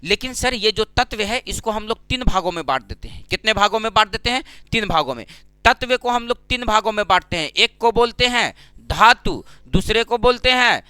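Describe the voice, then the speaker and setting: A man's voice: high-pitched, lively intonation, brisk, pushed and bright, clear, resonant tone, no room sound. A man teaching an exam-prep lesson, who asks his own questions and answers them, repeating key terms. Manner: calls students "sir" and "babu". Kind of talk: exam-prep classroom lecture.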